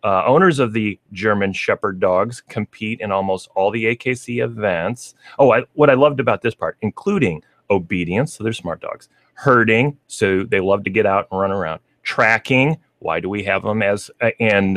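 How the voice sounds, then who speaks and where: Male radio host, low voice, dry studio sound, chatty and laughing. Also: a bit bright, no echo. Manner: chatty, laughs often, reads aloud with asides. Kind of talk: casual radio talk show, reading breed facts.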